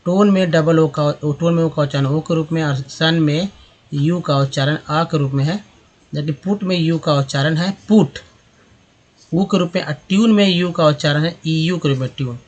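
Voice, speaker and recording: A man teaching English pronunciation in Hindi, spelling out words letter by letter and repeating vowel sounds slowly while checking in with viewers. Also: fairly high pitch. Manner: addresses viewers as friends, checks understanding with tag questions. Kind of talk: explaining pronunciation with examples.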